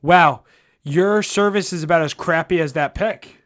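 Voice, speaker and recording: A man's voice: fairly high pitch, measured pace, a bit bright. A man hosting a casual sports podcast, joking with his co-hosts as he leads the segment. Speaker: podcast host.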